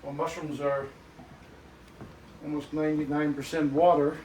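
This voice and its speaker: Austrian guy teaching a recipe, lots of uhs, slightly high voice, sounds far off in an echoey kitchen. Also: moderate pace, noisy background. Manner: relaxed, instructive, many "uh" fillers. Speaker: guest chef. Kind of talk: cooking demonstration. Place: home kitchen.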